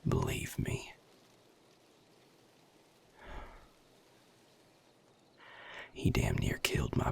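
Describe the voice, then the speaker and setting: A man plays a weary, protective vampire sire in an intimate, one-sided audio roleplay drama, speaking in a folksy, guarded drawl with a Southern US accent. His very deep voice is gravelly, husky, and breathy, delivered naturally with a quietly menacing mood.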